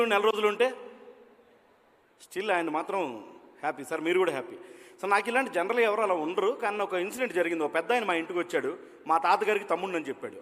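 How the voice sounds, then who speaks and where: Fast-talking man entertaining a crowd. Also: high voice, a bit bright. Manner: chatty, quizzing the crowd, telling anecdotes. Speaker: mimicry entertainer. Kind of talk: stand-up comedy with audience interaction. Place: event hall. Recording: long reverb of an event hall.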